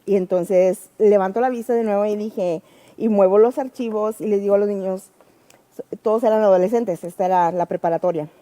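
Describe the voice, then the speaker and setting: A woman's voice: medium pitch, fairly quick, mellow. A woman teacher and trainer telling a personal story to a class in an earnest, reflective way.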